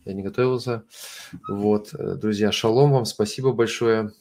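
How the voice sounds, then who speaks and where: A middle-aged man with a low-pitched voice and a creaky, gravelly edge speaks Russian as a non-native. He addresses his online viewers informally and earnestly, halting often to search for the right word. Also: fairly even intonation, a little mellow. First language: not Russian. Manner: apologetic, earnest. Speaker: host of an online religious ministry broadcast.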